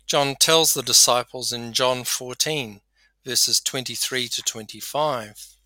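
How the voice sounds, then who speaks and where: Slow, bright-voiced man preaching. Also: medium pitch, no room sound. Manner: measured storytelling. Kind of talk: podcast sermon.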